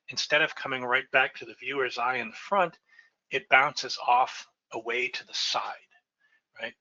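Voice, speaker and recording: Speaking through a webcam and computer mic, a middle-aged man presents lighting design slides from home in a conversational webinar, repeatedly asking "right?" His mid-range voice has a sharp tone, and the recording sounds muffled.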